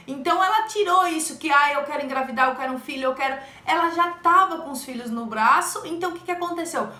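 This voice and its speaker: A woman's voice: very high-pitched, pushed and bright, echoey room. A Brazilian woman, a nutritionist, giving casual advice and acting out a patient's complaints as she tells the story. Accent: Brazilian Portuguese.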